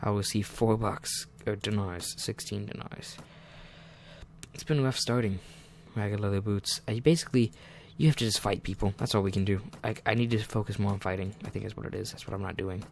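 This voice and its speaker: Male gaming host, casual let's-play chatter, rambling, self-deprecating, low and gravelly delivery. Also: steady tone, brisk, a little hiss or hum. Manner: rambling and self-deprecating, often muttering asides.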